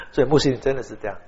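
A middle-aged man preaching a sermon, telling stories animatedly and acting out dialogue. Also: medium pitch. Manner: animated storytelling, acts out dialogue. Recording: dull, long-reverb hall.

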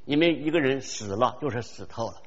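An older man preaching a sermon, earnest and storytelling, slowing down to stress key phrases, in a dull recording with long hall reverb. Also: mid-range voice, expressive, a bit bright.

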